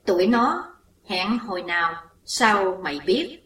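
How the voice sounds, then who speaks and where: A woman's voice: mid-range voice, big pitch swings, measured pace, a bit bright. A woman voicing a frightened older mother, shaken and guilt-ridden, recorded in a roomy space away from the mic. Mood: shaken pleading. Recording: roomy echo, distant mic.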